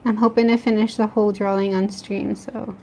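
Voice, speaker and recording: Drawing at home late at night, a woman from the East Coast of the United States with an American accent answers her live chat in a relaxed way, frequently laughing. This art streamer has a mid-range, creaky, slightly mellow voice with little pitch movement, and she talks fairly quickly. The audio is poor, with slight background noise.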